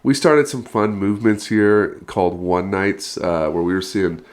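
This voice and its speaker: A man in his thirties from California speaks as a guest pastor in a relaxed podcast chat. His voice sits on the low side, and he talks with upbeat energy, often breaking into laughter between filler words. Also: unhurried. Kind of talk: casual podcast interview.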